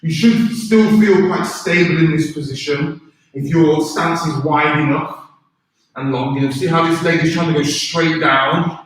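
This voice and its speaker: A man's voice: on the high side, a bit bright. A man leading a live beginner karate workout, giving informal, encouraging instructions and counting out exercise commands. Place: echoey indoor room, recorded from a distance. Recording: very echoey room, distant microphone.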